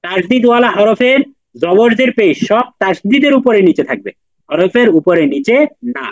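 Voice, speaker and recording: A man's voice: high voice, animated, normal speed, no echo, lo-fi sound. A man teaching Quran recitation in an online class, patiently repeating and drilling letter sounds with his students.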